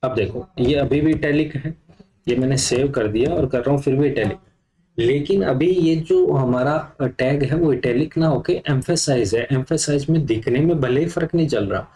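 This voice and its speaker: A man's voice: medium pitch, normal speed, mellow, a little hiss or hum, poor audio. A man teaching a computer class, explaining step by step while he types, with frequent fillers. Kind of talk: live coding lesson.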